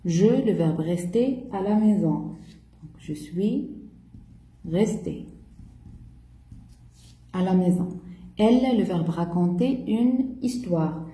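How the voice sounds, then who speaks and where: Slow woman teaching grammar. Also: on the low side, expressive, dark tone, roomy sound, rough recording. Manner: slow, spells out each step. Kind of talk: primary school homework correction.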